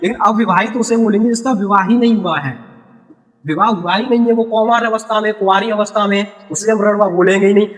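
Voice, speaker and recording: A young male teacher with a fairly high voice explains word meanings in a patient, repetitive way. He often asks a question and then answers it himself. His voice trails off into a long reverb. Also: steady tone, fast, a bit bright. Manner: repeats key words and quizzes the viewer. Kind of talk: Hindi grammar lesson.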